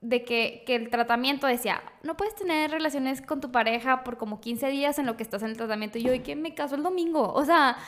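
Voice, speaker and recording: A woman's voice: sits high, brisk, hardly any pauses, a little hiss or hum. A young Mexican woman, a podcast guest, telling a story in a casual chat and acting out the voices of the people she quotes. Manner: animated, acts out quoted voices, breaks into laughs.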